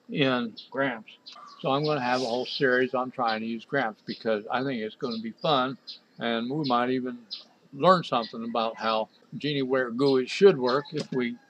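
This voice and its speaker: Exasperated man narrating a software walkthrough. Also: medium pitch, highs cut off, a little hiss or hum. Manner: exasperated, talks to himself while clicking. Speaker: software developer reviewing a program. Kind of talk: screen-recorded software walkthrough.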